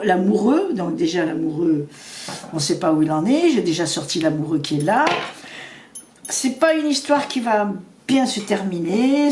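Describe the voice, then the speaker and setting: A woman doing a casual tarot reading, talking fast and rambling with many restarts. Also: medium pitch, a little mellow. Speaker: tarot reader. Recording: echoey room with faint noise.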